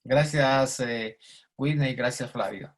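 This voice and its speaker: A man's voice: mid-range voice, takes it slowly. A man telling a personal anecdote during a panel discussion, acting out the voices of the people in it. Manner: anecdotal, acts out quoted voices. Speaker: audience participant.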